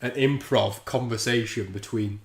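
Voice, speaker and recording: A man's voice: mid-range voice, fairly even intonation, a little slow, roomy sound. Crude, laughing male streamer. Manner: crude, laughing banter while drinking. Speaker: livestream host. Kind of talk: casual chat.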